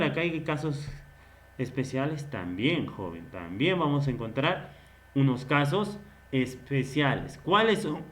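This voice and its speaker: A man's voice: mid-range voice, a bit bright. A man teaching a grammar lesson. He asks questions and then answers them himself. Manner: slow, stretched-out explaining.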